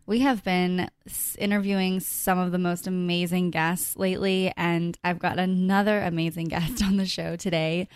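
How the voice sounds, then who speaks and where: A woman's voice: lowish voice, level tone, moderate pace, hardly any pauses, clear, resonant tone, no echo, clean studio sound. A woman hosting a podcast, chatting effusively and laughing often. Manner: warm, giggly, effusive. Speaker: podcast host. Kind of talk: casual interview chat.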